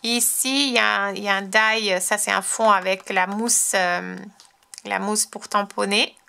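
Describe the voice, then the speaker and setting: A woman's voice: mid-range voice, steady tone, a little slow, gravelly, sharp tone, slight background noise. A French woman hosting a crafting tutorial, chatting casually and enthusiastically as she shows her cards. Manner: chatty, enthusiastic, frequent restarts and fillers. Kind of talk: casual show-and-tell tutorial.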